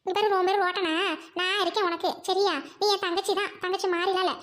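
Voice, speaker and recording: Bossy village woman played by a woman, fast and high-pitched scolding. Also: little pitch movement, a bit bright. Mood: reassuring. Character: commanding village woman, sharp-tongued elder sister. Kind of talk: village comedy drama.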